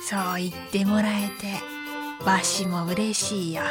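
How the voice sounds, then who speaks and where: Woman doing a gentle, lowered old painter man. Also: fairly even intonation, unhurried, lightly acted. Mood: warm. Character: kindly poor old male painter. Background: faint music.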